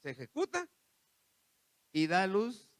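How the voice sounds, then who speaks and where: A man's voice: high voice, wildly swooping pitch, slow pace, no room sound. A man preaching a sermon, repeating phrases and turning to the congregation with asides. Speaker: pastor.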